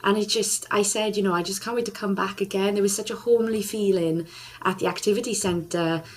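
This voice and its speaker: A female singer who is also a charity ambassador chats in a casual interview, her mid-range voice steady and brisk. She's bubbly and enthusiastic and laughs often as she speaks.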